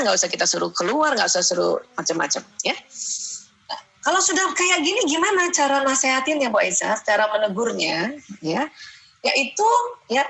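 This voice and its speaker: Bright-voiced woman giving a parenting talk. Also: fairly high pitch, vocal fry, low-quality recording. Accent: Indonesian. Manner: chatty, acts out mothers' voices, frequent "ya" checks. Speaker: Islamic parenting lecturer. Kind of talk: religious parenting lecture.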